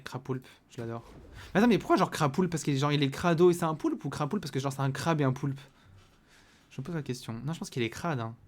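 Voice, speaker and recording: A man streaming himself playing a video game, excitable and swinging from loud exclamations to muttering. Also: medium pitch. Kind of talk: live gameplay commentary.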